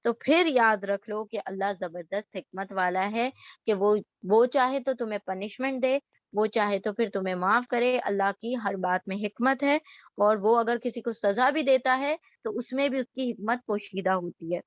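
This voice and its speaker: A woman's voice: mid-range voice, dry recording, highs cut off. A woman giving a Quran lesson word by word, repeating each gloss and asking questions as she explains.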